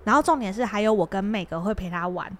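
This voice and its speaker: A woman with a Taiwanese Mandarin accent chats on a podcast. She tells her story as a lively storyteller and laughs often. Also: medium pitch, quick pace. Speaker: podcast co-host and mother. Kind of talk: casual chat.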